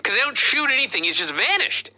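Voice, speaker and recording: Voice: mid-range voice, fast. A podcast co-host giving a casual wrestling review, retelling the match play by play with lots of swearing. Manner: profane, animated play-by-play retelling.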